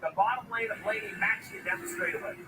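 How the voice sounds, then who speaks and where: A man's voice: high voice, quick pace. A man giving live motorsport commentary for television with analytical, emphatic phrasing. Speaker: race commentator. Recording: loud race-car noise behind. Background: race engines.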